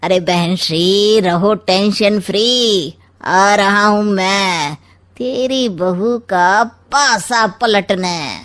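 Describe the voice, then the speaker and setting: Woman doing a smug scheming old uncle, cartoon comedy, slow sarcastic drawl. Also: medium pitch, a bit bright. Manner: sardonic, drawn-out rhyming delivery. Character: scheming, sly, smug maternal uncle, older man. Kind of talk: comic cartoon story acting.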